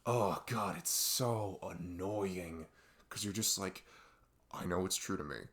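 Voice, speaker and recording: Playing an earnest best friend opening up late at night, a young man delivers unscripted-sounding deep talk in an intimate ASMR audio roleplay, rambling, halting and reflective with lots of "like" and "you know". His tone is fairly bright and heavily acted, his mood one of sympathetic frustration.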